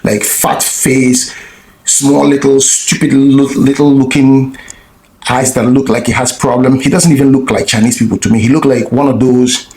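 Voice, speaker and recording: A man's voice: mid-range voice, little pitch movement, normal speed, darkish tone, reverberant, slight background noise, rough recording. A man vlogging, telling a story in a blunt, profane way with lots of restarts. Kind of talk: casual storytelling monologue.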